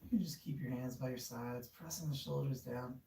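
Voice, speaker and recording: A man leads a yoga class in a mellow, easygoing voice, cueing each move with casual encouragement. He stands some way from the mic, and the room adds a noticeable echo around his words. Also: medium pitch, fairly quick, vocal fry, slight background noise. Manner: relaxed, encouraging, with fillers. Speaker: yoga instructor. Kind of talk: guided yoga class instruction. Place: studio room. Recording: echoey room, far from mic.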